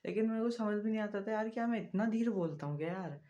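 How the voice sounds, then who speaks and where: A young man, talking casually to the camera in a vlog. He is soft-spoken and rambling, with frequent fillers. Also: high-pitched, fast talker, muffled recording. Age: young adult. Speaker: vlogger.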